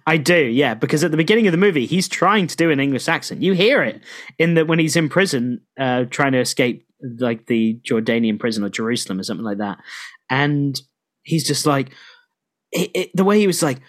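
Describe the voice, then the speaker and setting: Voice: mid-range voice, expressive, brisk. A podcast co-host in casual chat, chatty and jokey, swearing casually.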